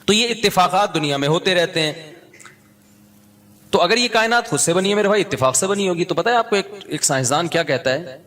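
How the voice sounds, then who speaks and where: A man's voice: sits high, animated, fairly bright tone. A man giving a religious lecture, reciting verses in a chanted cadence and then explaining them in a casual, joking manner with everyday examples. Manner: conversational, teasing asides, everyday examples. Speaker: Islamic preacher.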